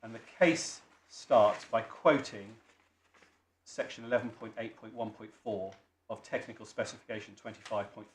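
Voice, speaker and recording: A British man making formal legal submissions as a barrister, deferential and learned, often halting and repeating his phrases. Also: on the low side, fairly even intonation. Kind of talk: formal courtroom legal argument. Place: indoor courtroom. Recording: echoey courtroom with faint background noise.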